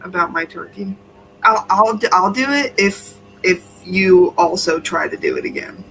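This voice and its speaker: A woman's voice: fairly low pitch, moderate pace, gravelly, a bit bright, a little hiss or hum, low-quality recording. A young woman guesting on a casual podcast chat, laid-back and hesitant, often repeating words as she starts. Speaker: guest, vet tech.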